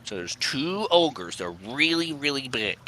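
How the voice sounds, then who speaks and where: A man's voice: mid-range voice, very animated, bright, forceful tone, slight background noise, pitched above the performer's own voice. A man voicing a scheming young male goblin lookout who is crude, pushy and foul-mouthed. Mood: insulting. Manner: wheedling, foul-mouthed, talks fast in bursts. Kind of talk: tabletop role-play.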